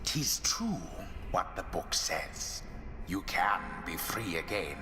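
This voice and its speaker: Hammy, grandiose game announcer, cavernous reverb. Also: male voice, sits low, very animated, slow, bright, forceful tone, full character voice. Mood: grand, taunting. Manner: hammy theatrical stage-actor delivery. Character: grandiose male fantasy rites announcer, menacing and mocking. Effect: long cavernous reverb. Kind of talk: theatrical video game announcer. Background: music.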